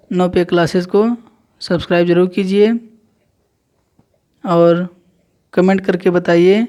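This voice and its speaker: Man, teacher, classroom lesson, patient, repetitive counting aloud, smooth clear voice. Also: sits high, darkish tone.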